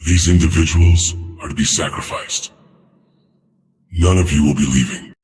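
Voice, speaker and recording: A menacing armored knight speaks with slow, cold contempt. The voice is extremely low and gravelly with a husky rasp. It rings out through a long, cavernous reverb. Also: male voice, steady tone, a little mellow, soft background music, exaggerated voice. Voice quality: deep booming villain voice.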